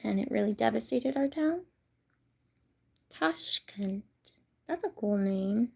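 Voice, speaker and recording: A young woman from California hosts a casual livestream, talking to her viewers in a soft-spoken way that often drops into a whisper. Her voice is mellow and dark with a gravelly fry, and she takes her time. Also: fairly high pitch, expressive, slow pace. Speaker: livestream host.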